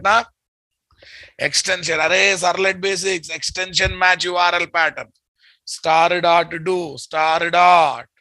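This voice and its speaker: Bright, forceful Telugu-accented male instructor. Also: on the high side, no echo. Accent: Telugu Indian. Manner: blunt, scolding, repeats phrases and questions the class. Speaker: programming instructor. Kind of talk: live technical lecture.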